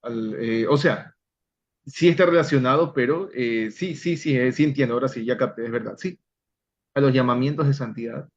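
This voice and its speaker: A man teaching an online Bible study, slowly and deliberately sounding out Hebrew words for his listeners. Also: medium pitch, dull audio.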